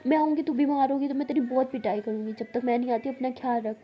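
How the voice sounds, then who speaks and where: A woman's voice: high voice, flat delivery, quick pace, lo-fi sound. A fussing protective big sister, as a woman puts her on. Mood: fond scolding. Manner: fussing, scolding tenderly. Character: protective older sister, young woman, scolding.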